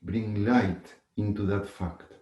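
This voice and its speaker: Slow, low-voiced man guiding a meditation. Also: steady tone. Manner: measured, instructive, with long pauses and gentle repetition. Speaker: meditation teacher. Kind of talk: guided meditation. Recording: echoey room.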